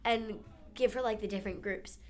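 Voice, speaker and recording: A woman's voice: medium pitch, fairly even intonation, normal speed, a little mellow. A young woman co-hosting a musical theater segment, plainly announcing the show's parts as if reading from notes. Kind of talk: semi-scripted segment presenting.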